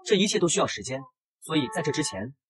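A man voicing a worried vampire father in a comic recap, calm and explaining. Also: fairly high pitch, fast, slight background noise. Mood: concerned.

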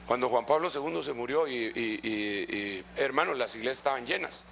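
A middle-aged male pastor with a Guatemalan accent, preaching in an impassioned, conversational way that swings from loud exhortation to hushed asides. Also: medium pitch, fairly quick, gravelly, crowd noise. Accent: Guatemalan Spanish. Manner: conversational, addressing listeners as brother. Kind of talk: preaching sermon.

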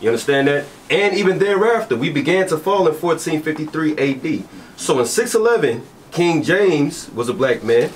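A man's voice: on the high side, lively intonation, normal speed. Give me an insistent man preaching and arguing in a debate, with faint background noise. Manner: forceful, insistent, repeats points. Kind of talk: heated street debate.

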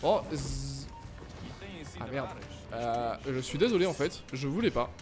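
Excitable man doing gaming commentary. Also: mid-range voice, measured pace. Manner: excitable, makes blaster sound effects. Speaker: let's play host. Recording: game music in background. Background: game music.

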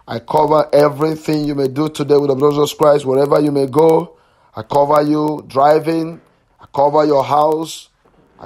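A man's voice: fairly high pitch, a little mellow. A man leading a prayer line as a pastor, praying fervently in a repetitive, chanting and commanding way, with stretches of speaking in tongues. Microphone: phone or call line.

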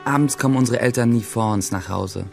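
In a radio drama monologue, a man plays a wry, boastful teenage schoolboy describing his day in short, clipped phrases, sounding bored and dry. His natural mid-range voice moves a little fast with some vocal fry, and faint music plays behind him.

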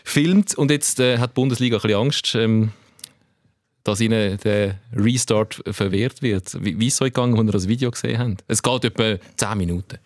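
Swiss German man hosting a football podcast, animated and chatty, dry studio sound. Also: on the low side, fairly quick, no echo. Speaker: podcast host. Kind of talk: casual football chat.

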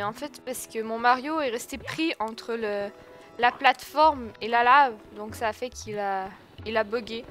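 A woman's voice: on the high side, a bit bright. A young woman commentating her own gameplay, shrieking at setbacks and scolding the game character. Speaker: let's play gamer. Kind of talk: excitable gaming commentary. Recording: game music playing behind her voice.

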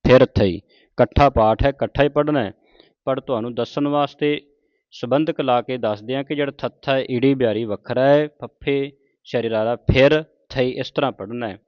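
A man teaching the correct pronunciation of scripture, chanting each verse slowly and deliberately, then explaining the right way to say it. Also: medium pitch, dry recording, muffled recording.

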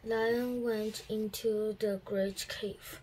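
A woman reading a picture book aloud as a student, slowly and carefully with small slips. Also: mid-range voice, steady tone, a little mellow, slight background noise, rough recording. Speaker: student reader.

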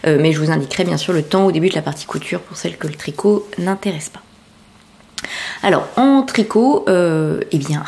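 A woman's voice: fairly low pitch, gravelly, a little mellow. A woman hosting a casual knitting and sewing podcast, talking chattily with frequent hesitations while showing her work. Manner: chatty, many hesitations and fillers, showing items to camera. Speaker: podcast host.

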